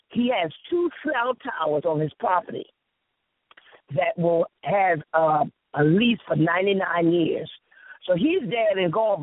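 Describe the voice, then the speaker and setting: A woman from the South Carolina Sea Islands with a Lowcountry Gullah Southern accent tells stories conversationally and emphatically, repeating phrases and acting out dialogue. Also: husky, no room sound. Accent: Lowcountry Gullah Southern American. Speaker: interview guest. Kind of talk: animated conversational storytelling. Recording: narrow, tinny phone-like audio.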